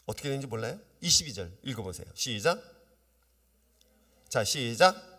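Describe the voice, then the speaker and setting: A man preaching a sermon as pastor, lively and often asking his congregation questions. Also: mid-range voice, moderate pace, husky. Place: church sanctuary. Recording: long reverb of a church hall.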